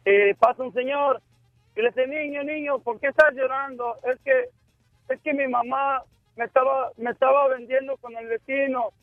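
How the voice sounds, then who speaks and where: A man's voice: very high-pitched, fairly even intonation, normal speed, no echo, faint music behind. A man calling in to a radio show, telling a joke in a casual, slangy way. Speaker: radio caller. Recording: dull phone-in line.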